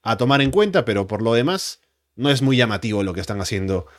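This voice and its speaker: A man recapping and reviewing wrestling as a show commentator, in a measured, matter-of-fact way. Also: lowish voice, expressive, no echo, clean studio sound.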